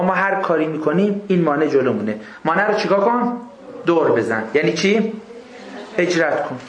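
Impassioned preacher, higher-pitched man, echoey room. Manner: impassioned, swings between hushed and raised voice; addresses listeners directly with rhetorical questions. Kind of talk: religious lecture to an audience.

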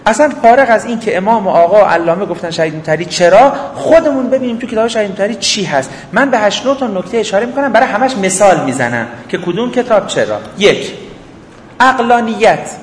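A man's voice: high voice, expressive, slight background noise. A man giving a religious lecture, firing off rhetorical questions and acting out short everyday dialogues. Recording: echoey hall, faint ambience.

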